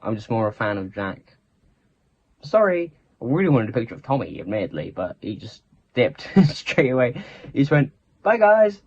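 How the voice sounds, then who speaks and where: A man's voice: fairly low pitch, big pitch swings, normal speed, slightly rough. A teenage boy tells a storytime tale in a loose, chatty ramble. He trips over his own sentences and restarts them. The recording sounds slightly dull and lo-fi. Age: teens. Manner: rambling, self-interrupting, chatty. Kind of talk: casual storytime chat.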